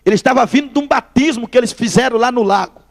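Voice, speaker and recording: A man preaching his testimony in a church hall, telling a lively story and calling listeners brother. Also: very high voice, quick pace, gravelly.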